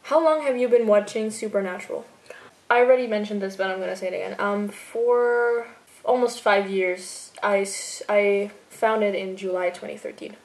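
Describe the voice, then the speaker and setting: Over poor audio, an Austrian fan video editor, a native German speaker, chats through a casual Q&A vlog in a medium-pitched, darkish voice with fairly even intonation at normal speed. She laughs easily and uses many fillers, often "like."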